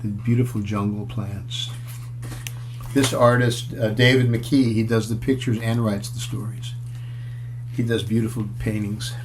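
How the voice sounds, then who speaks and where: A man reads a children's picture book aloud in storytelling style, breaking off for chatty asides about the pictures and questions to his listeners. His voice is fairly low and his delivery flat, with a noisy background.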